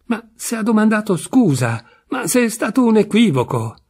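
A man reading aloud plays a hot-tempered man who sputters his angry questions in a husky, strained voice that jumps high. He is aggressive and touchy throughout. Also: lively intonation, normal speed, a bit bright. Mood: furious. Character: furious, touchy man, a dueling second. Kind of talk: literary audiobook reading.

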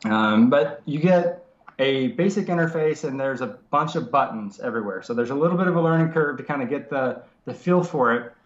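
A software developer guest in his thirties, nasal from a cold, explains software casually over a video call from his home study. His mid-range voice is brisk and animated, full of fillers and restarts, and the audio is roomy and lo-fi.

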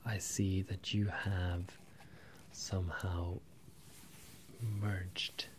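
In this ASMR roleplay, a twenty-something man voices a bemused wizard professor apologizing to a student, his soft, breathy whisper and low murmur hesitant and halting. The delivery is flat. Close ear-to-ear stereo mics pick him up over slight background noise.

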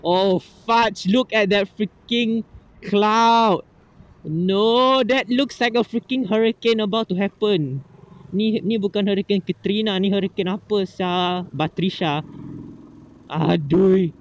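Excitable young Singaporean man on a motorbike. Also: high voice, unhurried, dull audio. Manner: excitable, swears and exclaims a lot. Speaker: motovlogger. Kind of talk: casual riding commentary. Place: riding a motorcycle outdoors on city roads. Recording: helmet mic with loud wind and traffic noise.

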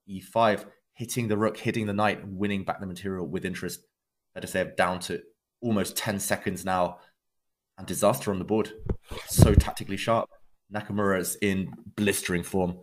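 A man giving live chess commentary as a commentator, in measured, dramatic short phrases. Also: deep voice.

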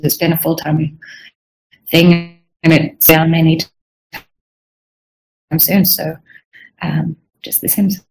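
A young woman from Sweden, a UI designer answering questions on a video call, chatty and rambling, often clearing her throat. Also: low voice, level tone, takes it slowly, pauses often, darkish tone, faint music behind, rough recording. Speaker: guest UI designer. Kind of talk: casual online Q&A.

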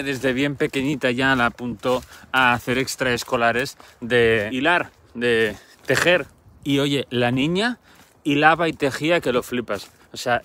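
A man's voice: medium pitch, fairly bright tone. A man telling a Greek myth in a chatty, slangy, playfully dramatic way. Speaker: storyteller. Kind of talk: comic myth storytelling.

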